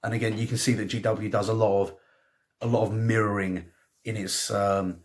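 Male hobby reviewer, slightly low voice, loose rambling delivery with frequent restarts. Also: little pitch movement, moderate pace. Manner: rambling, full of ums and restarts; reads passages aloud. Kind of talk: casual magazine review.

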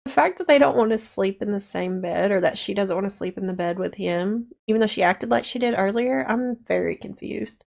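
A woman's voice: mid-range voice, brisk, creaky, few pauses, a little mellow. A young adult woman giving casual, blunt and sardonic film reaction commentary as a video host. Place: small dark decorated room indoors.

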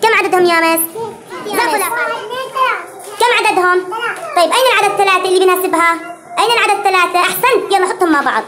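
A woman's voice: extremely high pitch, racing, pauses often, very noisy. A woman teaching kindergartners to count, coaxing them to speak up and praising each child. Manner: encouraging, repeatedly urging pupils to speak louder and praising them. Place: kindergarten classroom.

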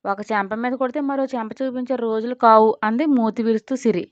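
A woman's voice: fairly high pitch, brisk, no echo, dull audio. A woman reading a scripted audio story aloud and voicing every character herself. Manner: reads all characters in a mostly even voice.

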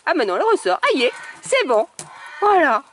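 A woman's voice: high-pitched, big pitch swings, a little fast, a bit bright. A woman breeding dogs, chatting casually to camera outdoors by a kennel and cooing affectionately at her puppies. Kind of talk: casual vlog narration.

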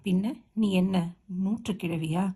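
A woman voicing a confident young man of high standing in an audiobook, talking in a cool, dry, teasing way. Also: slow, mellow, slightly rough. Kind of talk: audiobook character voice.

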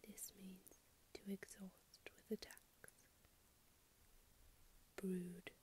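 A woman whispering softly in an ASMR style, enunciating carefully as she reads out a list. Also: medium pitch, level tone, extremely slow. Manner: whispered, soft-spoken, careful enunciation with repeated words. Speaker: ASMR host. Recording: hissy close recording with faint clicking.

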